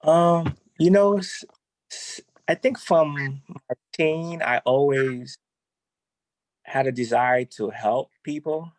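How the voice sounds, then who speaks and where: A man's voice: fairly high pitch, slow, no echo, poor audio. A man from Haiti, an educator being interviewed, who talks hesitantly with many ums.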